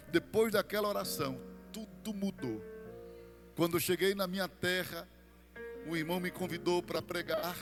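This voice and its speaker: A man's voice: sits high, long reverb tail. A Brazilian man preaching as a pastor, telling his testimony with drama and voicing the people in the story. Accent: Brazilian Portuguese. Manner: dramatic storytelling, voicing other people, rising to loud climaxes. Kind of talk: sermon testimony.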